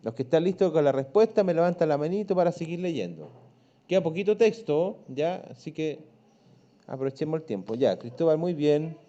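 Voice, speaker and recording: A Chilean male teacher leads a primary class over a video call, patient and steady, checking in constantly to keep pupils with him. His voice is mellow and warm, sitting a bit higher than most men's. The audio is dull and lo-fi. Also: fairly quick. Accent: Chilean Spanish. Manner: patient, checks in with frequent "¿ya?" and "¿cierto?". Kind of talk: online class lesson.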